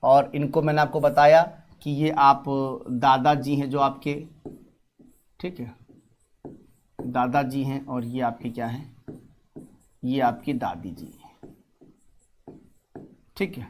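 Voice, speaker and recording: A man's voice: medium pitch, slow, long pauses, darkish tone, a little hiss or hum. A man teaching an exam-prep class, repeating key terms and answering his own questions. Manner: talks while writing on a board. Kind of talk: online exam-prep lesson.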